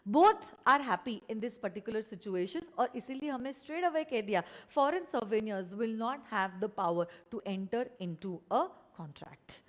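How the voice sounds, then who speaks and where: Slow, emphatic Indian woman lecturing. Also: on the high side. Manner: switches between Hindi and English, repeats key phrases slowly for emphasis; addresses students directly, asks them questions. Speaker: law lecturer. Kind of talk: live online lecture.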